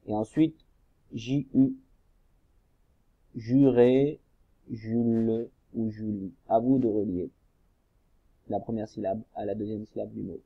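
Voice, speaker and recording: Slow, patient male teacher, lo-fi. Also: lowish voice, no echo. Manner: slow, patient, spells out syllables. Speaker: primary school teacher. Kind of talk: recorded remote lesson, guiding exercises.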